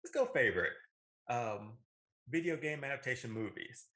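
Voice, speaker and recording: A man in his thirties co-hosts a casual movie and video game show, his mid-range voice animated and fairly bright at a normal speed. The banter is loose and conversational, and he often circles back to repeat himself.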